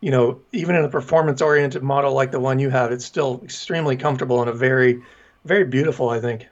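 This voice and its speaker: A male co-host weighs in on cars in an even, matter-of-fact tone. His audio is a little muffled and lo-fi. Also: medium pitch, quick pace. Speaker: radio co-host. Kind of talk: casual car-review talk. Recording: slightly dull, lo-fi sound.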